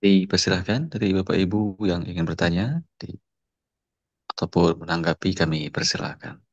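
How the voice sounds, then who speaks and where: A man's voice: low voice, normal speed, dry recording. A male moderator formally thanking the teacher and inviting questions from the audience. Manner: formal and polite. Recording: dull dry lo-fi audio.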